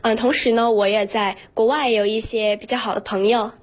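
Husky-voiced teenage girl student. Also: on the high side, fairly even intonation. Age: teens. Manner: earnest, measured, frequent fillers. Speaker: student guest. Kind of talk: radio interview answers. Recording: radio studio.

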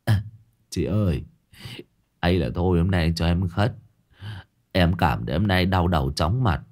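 A man's voice: sits low, animated, moderate pace, a little mellow, pitched below the performer's own voice. A man voicing a fat, sheepish young man who mumbles excuses. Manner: mumbling, hesitant.

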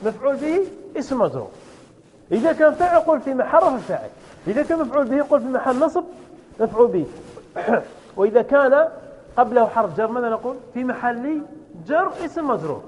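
A man's voice: very high voice, sing-song, quick pace, darkish tone, in a large hall. A man teaching a grammar lesson in a classroom. He explains step by step with repeated examples and keeps quizzing his students to check they understand.

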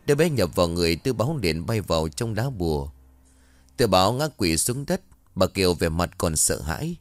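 A man narrating a ghost story in a steady, even way. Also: low-pitched, a little fast, no echo.

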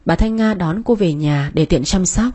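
A woman, reading a story in a calm, measured way. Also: fairly low pitch, husky. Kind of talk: scripted narration.

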